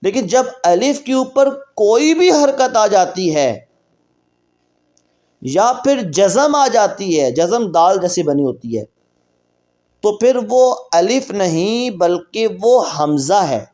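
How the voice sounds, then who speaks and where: Pakistani quran teacher guy, kinda high voice, rattles off rules then stretches letters out slow. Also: big pitch swings, darkish tone. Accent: Pakistani Urdu. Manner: explains quickly, then drawls letters slowly for practice. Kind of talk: recorded reading lesson.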